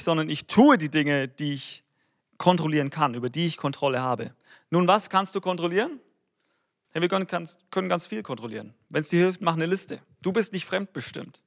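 A man in his thirties preaching a sermon, talking straight to the listener in an encouraging, direct way and slowing down to stress key words. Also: a little high, fairly bright tone. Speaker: pastor.

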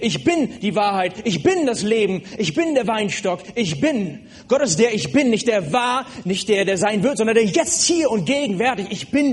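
A man preaching a sermon, speaking earnestly and directly to the listener, with frequent hesitations. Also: high voice.

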